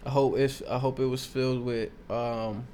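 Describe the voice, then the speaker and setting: A man's voice: mid-range voice, steady tone, moderate pace, dark tone, slight background noise. A man co-hosting a podcast, talking in a laid-back way with lots of slang. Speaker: podcast co-host. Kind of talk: casual podcast chat.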